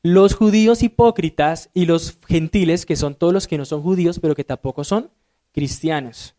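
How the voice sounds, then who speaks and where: A man's voice: a little high, normal speed, dark tone. A man, a deacon teaching a Sunday school Bible class in an emphatic way, often checking in with his listeners through rhetorical questions.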